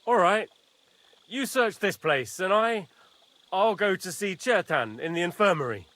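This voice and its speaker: An actor voicing a quick-tempered, commanding nobleman in a video game, curt and bossy. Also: high-pitched, expressive, a bit bright. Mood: irritated. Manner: curt, ordering others about.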